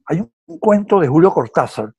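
Husky-voiced Venezuelan male co-host, rambling storyteller. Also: a little high, sing-song, normal speed, a little mellow. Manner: hesitant, repeats words, storytelling. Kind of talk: casual film chat.

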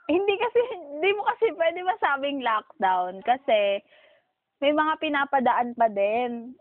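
A woman's voice: sits high, big pitch swings, measured pace, no room sound. A young Filipino woman co-hosting a podcast, chatting animatedly and laughing, recorded by phone. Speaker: podcast co-host. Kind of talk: casual chat. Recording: phone line, dry.

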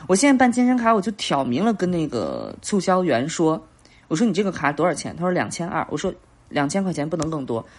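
A woman in her thirties tells stories on a podcast in a rush of words, her voice swooping up and down as she plays every part herself. Her tone is slightly husky and breathy. She laughs often and keeps the chat casual. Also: fairly low pitch, fast talker. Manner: animated, acts out dialogue, laughs often. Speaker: podcast co-host.

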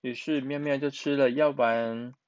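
A man narrating a children's picture book in a slow, expressive way. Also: mid-range voice, no echo, highs cut off. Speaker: storyteller.

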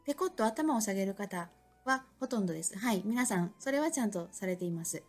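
A woman's voice: medium pitch, animated, fast talker, soft background music. A middle-aged woman with an Osaka accent, an English school owner hosting a casual solo talk, chatty and reflective with many fillers. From Japan.

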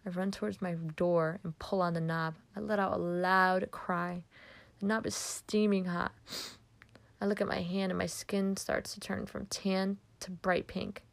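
A woman's voice: fairly low pitch, little pitch movement, a little slow, gravelly, no room sound. A woman reading a first-person dramatic story aloud, dropping to whispers at tense moments.

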